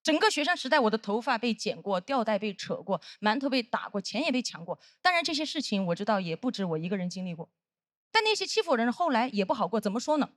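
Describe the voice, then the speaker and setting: A woman's voice: on the high side, very animated, quick pace, no room sound, studio quality. A young adult woman performing a stand-up comedy routine on stage, telling a punchy story full of quoted dialogue. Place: stage with live audience.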